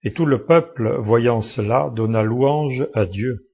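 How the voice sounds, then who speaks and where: A man reading a Bible passage aloud in a steady, measured way. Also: mid-range voice, breathy edge. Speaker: scripture reader. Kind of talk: slow scripture reading. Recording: dull lo-fi recording.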